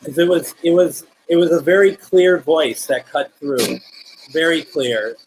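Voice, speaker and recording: A man with a slightly high voice speaks unhurriedly as he hosts a live paranormal session, chatting casually and posing questions to spirits and viewers. He calls out conversationally to unseen listeners in a live-stream style. The low-quality recording carries slight background noise.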